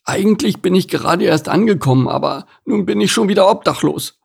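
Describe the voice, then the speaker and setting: A man's voice: high voice, lively intonation, a little fast, gravelly, breathy edge, pitched above the performer's own voice, exaggerated voice. A man voicing a grumpy, pointy-nosed male opossum in a storybook, grumbling and sarcastic in a raised voice.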